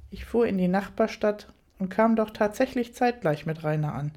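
A woman narrating a first-person audiobook story at an even storytelling pace, with light, amused touches. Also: medium pitch, normal speed.

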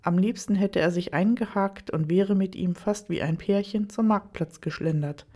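A woman narrating a story aloud at a calm, measured pace. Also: mid-range voice. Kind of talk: story reading.

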